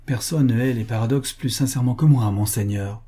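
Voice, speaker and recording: A man reading the part of a grave young countess in an audiobook, speaking calmly and evenly. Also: medium pitch, breathy edge, close to an everyday voice. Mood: composed. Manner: calm, measured speech.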